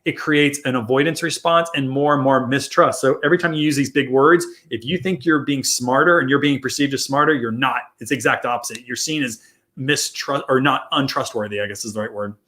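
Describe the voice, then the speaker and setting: A man's voice: mid-range voice, fairly quick, sharp tone. A man co-hosting a marketing podcast, explaining ideas in casual chat and often restarting and repeating his phrases. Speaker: co-host, marketing consultant.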